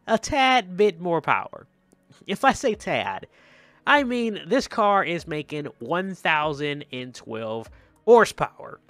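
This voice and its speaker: With a fairly bright, mid-range voice, this gaming channel host offers laid-back, excited commentary on cars during video game roleplay. He tends to say things twice to drive the point home.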